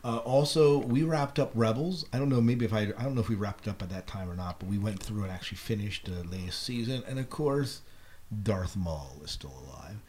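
A middle-aged American man hosts a podcast, casually chatting about shows and films he's been watching and reading. His voice is on the low side, brisk and darkish, and the recording is clearly noisy.

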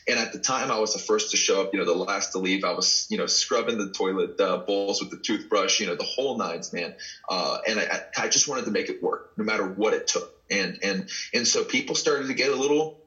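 A man from Texas talks casually about his wrestling career, laughing often and restarting his sentences. His voice is bright and forceful and sits a little low. The recording sounds a bit dull and lo-fi. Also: fairly quick. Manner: animated storyteller, laughs often, many restarts. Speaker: pro wrestler guest. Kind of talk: casual interview chat.

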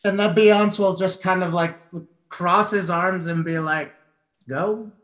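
A man playing a tabletop game, describing his character's actions haltingly with many fillers. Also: sits high, fairly even intonation, fairly bright tone, rough recording. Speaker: player. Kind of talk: tabletop role-play.

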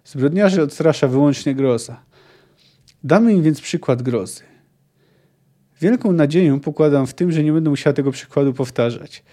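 Dry calm old druid woman, a guy reading her, mellow voice, no nonsense. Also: fairly high pitch, moderate pace, natural voice. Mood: dry firm. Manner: calm, dry, matter-of-fact. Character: cold, gentle-eyed older female druid leader.

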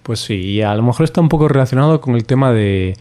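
A man's voice: mid-range voice, expressive, fast, mellow. A man co-hosting a casual podcast, joking and laughing often. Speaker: podcast co-host.

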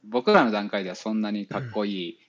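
A man, an engineer guest in a casual interview, explaining things step by step with many fillers and pauses. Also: fairly low pitch. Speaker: spacecraft navigation engineer. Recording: dull lo-fi audio.

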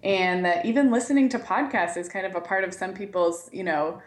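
A woman's voice: mid-range voice, a little fast. American woman podcasting in an echoey room. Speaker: podcast co-host. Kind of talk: casual podcast chat. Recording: roomy, echoing sound.

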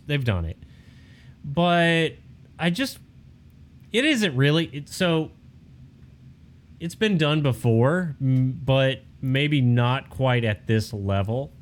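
A man co-hosting a casual chat show, animated and joking, with lots of fillers. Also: mid-range voice, slow. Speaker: podcast co-host.

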